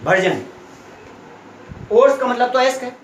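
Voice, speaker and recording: A man's voice: extremely high pitch, lively intonation, measured pace, a little hiss or hum. A young man tutoring students in a classroom, explaining chemistry step by step and often checking that they follow. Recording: echoey room.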